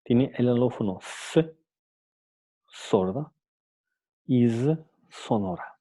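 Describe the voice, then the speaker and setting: A man's voice: mid-range voice, big pitch swings, slow, vocal fry, dark tone. A man giving a phonetics lesson, hesitant with many fillers and restarts, saying examples aloud and checking in with the listener. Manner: says examples aloud, ends points with "¿no?". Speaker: teacher. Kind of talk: phonetics lecture.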